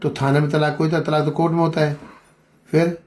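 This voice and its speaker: A man's voice: fairly high pitch, little pitch movement, a little fast. Probing male interviewer repeating answers. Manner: probing, repeats answers back, urges louder speech; calls people beta. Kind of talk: on-the-spot questioning interview.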